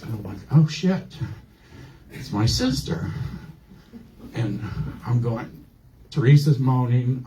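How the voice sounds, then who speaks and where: A man's voice: medium pitch, mellow, slight background noise. Older man rambling through stand-up. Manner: rambling, self-deprecating storytelling. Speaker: stand-up comedian. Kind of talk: stand-up comedy set. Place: comedy club stage. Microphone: handheld mic. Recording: dull lo-fi club recording.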